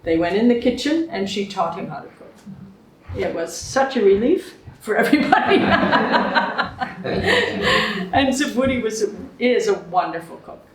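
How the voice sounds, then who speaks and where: A fairly high-voiced older woman, in her seventies, sharing stories with a small gathering. She talks in a chatty way, laughs easily and acts out the lines of the people in her tales. The sound is roomy, with echo off the walls. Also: sing-song, measured pace, crowd noise. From Canada. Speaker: guest speaker. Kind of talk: anecdotal storytelling to a small group. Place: room with a small live audience. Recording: echoey room.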